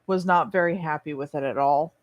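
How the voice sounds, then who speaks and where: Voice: mid-range voice, brisk, no echo, muffled recording. A person chatting casually and bluntly to viewers in an opinionated, rambling way, swearing at times and chewing while talking. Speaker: vlogger.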